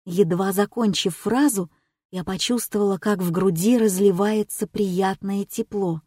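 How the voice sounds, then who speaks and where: A woman narrating a first-person audiobook in a measured, calm storytelling manner. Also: mid-range voice, breathy edge, no echo, clean studio sound.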